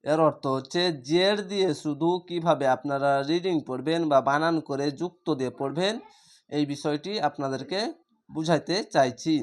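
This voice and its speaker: A man teaching Arabic letter reading in a slow, step-by-step lesson, drilling each letter with its vowel sound, in a Bangladeshi Bengali accent. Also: on the high side.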